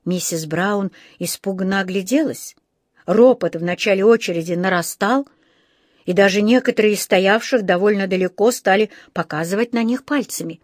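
Woman narrator, children's audiobook, measured, dry close sound. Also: medium pitch, dry recording.

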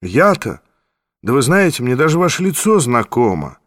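A man voicing an effusive, sentimental former card sharp, raised and excited in tone. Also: mid-range voice, moderate pace, no room sound, clean studio sound. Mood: effusive nostalgic.

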